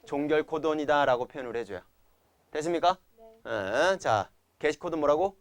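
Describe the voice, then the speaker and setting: A man's voice: fairly high pitch, animated, moderate pace, clean tone. A young man teaching science to a class, constantly checking understanding with quiz questions and chanting memory tricks. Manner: keeps quizzing students with repeated questions. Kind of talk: classroom lecture.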